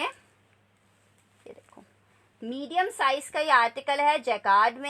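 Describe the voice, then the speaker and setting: Female live-stream seller, high-pitched and sharp-edged, repetitive pitch, informal asides to buyers. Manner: repetitive selling patter, repeating prices and sizes. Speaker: live online clothing seller. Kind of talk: live sales presentation with casual chat to viewers.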